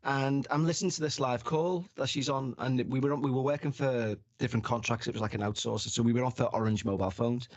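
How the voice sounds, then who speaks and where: A man telling anecdotes in relaxed, chatty conversation, at a medium pitch. He acts out each quote and swears casually. His voice is recorded close and dry, with no room sound. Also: quick pace, few pauses, no room sound, dull audio. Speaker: podcast guest or host. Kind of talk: casual chat, storytelling.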